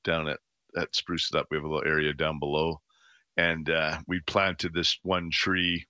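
A man's voice: rumbling low, little pitch movement, moderate pace, pushed and bright, no echo, clean studio sound. A middle-aged man hosting a radio call-in show, giving casual advice in an informal, rambling, folksy way. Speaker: radio gardening phone-in host. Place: radio studio. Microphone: close studio microphone.

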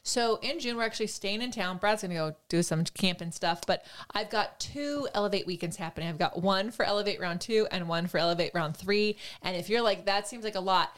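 A woman podcast co-host talks casually and playfully. She drifts into chatty asides and pokes fun at herself, in a voice of middling pitch. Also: brisk, few pauses.

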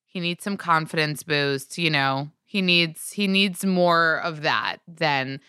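A woman's voice: low-pitched, slow, pushed and bright, clean tone, no echo, clean studio sound. A woman guest on a podcast, chatting in a supportive, friendly way. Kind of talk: casual chat.

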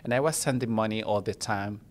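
A man from Chile, a native Spanish speaker with a Chilean accent, chatting warmly as a podcast guest and making small grammar slips. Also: on the low side, fairly quick. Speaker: guest, international student. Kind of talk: casual personal storytelling.

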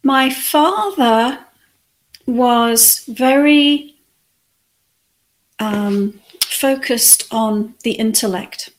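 Woman, interview guest, reflective, soft-spoken, slightly high pitch. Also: drawn-out words, long pauses. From England. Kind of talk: conversational interview.

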